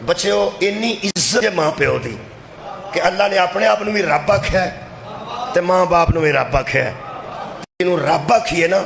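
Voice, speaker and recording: A man's voice: creaky, reverberant, noisy background. Impassioned Punjabi-accented male preacher. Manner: impassioned, shifting between shouting and low confiding asides; addresses the crowd directly with rhetorical questions. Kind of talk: majlis sermon. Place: religious gathering with loudspeaker. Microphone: loudspeaker microphone.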